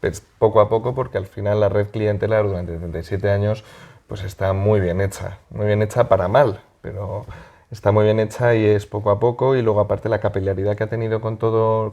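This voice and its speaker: A man from Madrid with a Spanish accent answers as a guest in a political interview, speaking haltingly and conversationally as he searches for words. His voice is on the low side and warm, and the audio sounds dull.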